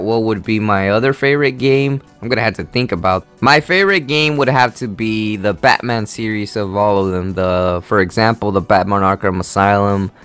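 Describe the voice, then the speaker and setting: Easygoing eighteen-year-old guy, smooth low voice. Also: fairly bright tone. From Honduras. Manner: rambling, filler-heavy, easygoing. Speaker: gaming channel host. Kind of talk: casual Q&A vlog.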